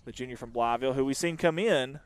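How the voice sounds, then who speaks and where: Folksy man doing softball commentary. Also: mid-range voice, fast talker, clear, resonant tone, no room sound. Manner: folksy, rambling and chatty. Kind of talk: casual live sports commentary. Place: outdoor softball field on a windy day.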